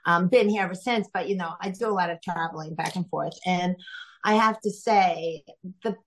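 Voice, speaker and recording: A woman's voice: on the low side, normal speed. A middle-aged woman from Greece, a podcast guest talking casually and chattily, with frequent fillers and laughs. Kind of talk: casual interview chat.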